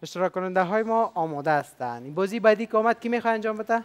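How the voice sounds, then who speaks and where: A man's voice: sits high, smooth. A man with an Afghan Dari accent hosting a game show, upbeat and chatty, coaxing the contestants with questions.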